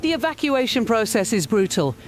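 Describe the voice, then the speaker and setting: A woman voices an urgent field correspondent reporting from a military checkpoint in an audio drama, delivering a scripted on-scene news report that is intense and formal. She sounds urgent and shaken, speaking fairly quickly and very animatedly with a fairly high pitch. There's slight background noise.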